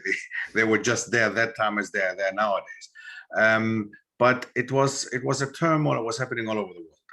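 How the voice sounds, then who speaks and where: A man's voice: on the low side, bright, forceful tone. A man of Greek origin, a historian and author, a guest in an interview who tells his story animatedly and acts out quoted dialogue. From Greece.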